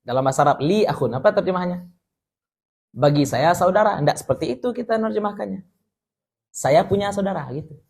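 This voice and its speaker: A male Islamic teacher with a Minangkabau accent gives a lively lecture. He explains Arabic words and jokes with his listeners. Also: sits high, fast, gravelly, pauses often. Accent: Minangkabau Indonesian. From West Sumatra. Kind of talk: religious study lecture.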